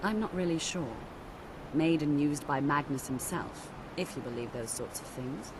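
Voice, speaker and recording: A woman playing a dry, low-voiced college mage. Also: lightly acted. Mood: measured. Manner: formal, measured and dry. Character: composed, measured female college mage. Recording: game audio with clear background noise.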